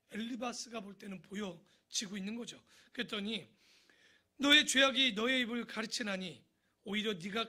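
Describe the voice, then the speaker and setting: A man's voice: very high-pitched, bright, forceful tone. A man preaching a Wednesday sermon, explaining scripture in a conversational way, asking the congregation questions and putting verses into blunt everyday speech. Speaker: pastor.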